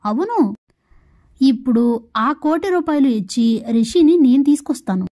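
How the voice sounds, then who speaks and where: A woman's voice: high-pitched, expressive, normal speed, mellow. A woman voicing a scheming, ambitious young man in a plain retelling voice. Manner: plain retelling voice, barely acted.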